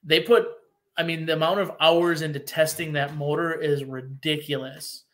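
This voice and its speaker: Earnest, slightly high-voiced man from Wisconsin. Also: level tone, moderate pace, fairly bright tone. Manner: earnest, explains in detail with many restarts. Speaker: podcast guest. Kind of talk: casual podcast chat.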